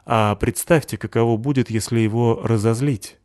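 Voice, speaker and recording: A man voices a gentle young schoolboy in a children's storybook. He talks calmly and reasonably, in a soft and thoughtful way. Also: mid-range voice, normal speed, no room sound, studio quality, lightly acted. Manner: calm, reasoning.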